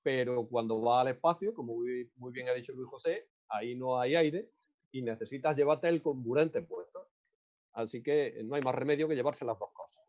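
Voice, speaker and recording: A man's voice: medium pitch, normal speed, darkish tone. A man on a live science panel, explaining a concept in plain teaching terms. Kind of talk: live stream panel talk. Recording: dull, muffled sound.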